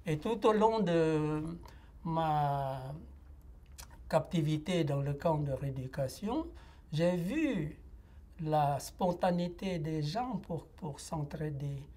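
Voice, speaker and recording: Slow, hesitant man. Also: on the high side, animated, mellow. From Laos. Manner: hesitant, with frequent pauses and filler sounds. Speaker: interviewee giving a personal testimony. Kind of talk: reflective testimony interview.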